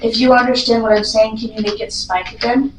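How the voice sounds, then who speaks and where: A woman vlogging a ghost investigation in an excitable, spontaneous way, putting questions and requests to a spirit and often rephrasing them. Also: on the high side, a little fast. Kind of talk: spontaneous vlog narration while addressing a spirit with questions. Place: echoey room inside a castle. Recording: roomy echo, some background noise.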